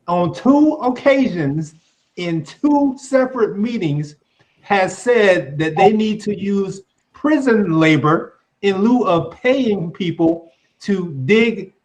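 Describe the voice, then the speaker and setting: Male moderator, high voice, slow and pointed delivery. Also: a little mellow, poor audio. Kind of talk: virtual panel discussion. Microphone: video call.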